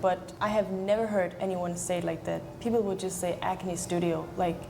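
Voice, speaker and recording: A woman explains in a matter-of-fact way. Her voice is gravelly and flat, with clear room noise behind her. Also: fairly low pitch, moderate pace. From Denmark. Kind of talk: casual group chat.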